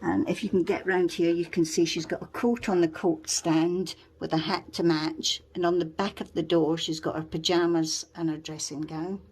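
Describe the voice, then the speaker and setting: A woman's voice: on the low side, fairly even intonation, normal speed, hardly any pauses, darkish tone, slightly rough. A middle-aged woman with a Scottish accent, patiently walking a friend through her miniature dollhouse in casual show-and-tell chat, explaining each detail step by step. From Scotland. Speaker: dollhouse owner showing her miniature house.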